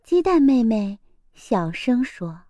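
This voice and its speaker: A woman hosting a children's story program, reading a picture book aloud in a gentle, expressive way. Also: a little high, slow pace, no echo. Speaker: storyteller host.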